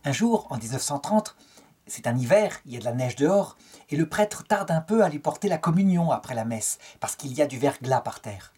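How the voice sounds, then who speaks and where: Very smooth-voiced French man lecturing. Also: on the high side, animated, fairly quick, darkish tone. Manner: storytelling, quotes dialogue with lifted tone. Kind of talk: spoken lecture on a saint's life.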